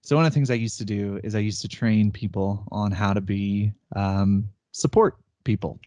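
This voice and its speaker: Male podcast co-host, thirties, warm low-key tone, dry sound, animated storyteller. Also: moderate pace, dry recording. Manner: animated storytelling, laughs often, acts out quotes. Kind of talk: casual chat. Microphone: remote call setup.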